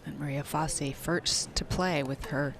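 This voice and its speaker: A man giving live golf tournament commentary in a measured, analytical way. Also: fairly high pitch, steady tone, vocal fry. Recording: crowd and outdoor noise behind. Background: spectators and outdoor course ambience.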